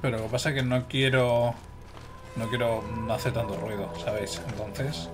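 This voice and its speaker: A man's voice: medium pitch, steady tone, moderate pace, over music. A man from gives chatty, exclamatory commentary while playing a video game and talking to his viewers. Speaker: gameplay streamer. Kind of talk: casual gameplay commentary.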